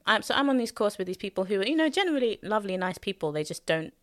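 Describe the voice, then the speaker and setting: A woman's voice: mid-range voice, sing-song, very fast, fairly bright tone, dry recording, clean studio sound. A young woman, talking openly and thoughtfully about her time as a student, with plenty of fillers. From London, England. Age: young adult. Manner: thoughtful and candid, many fillers, laughs easily. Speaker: guest recalling her student years. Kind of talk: casual conversation.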